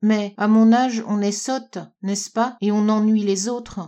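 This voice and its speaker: A woman's voice: medium pitch, steady tone, unhurried, mellow, natural voice. A woman voicing a sad, dreamy little girl who longs for her mother, in a plaintive, pleading way in a storybook reading.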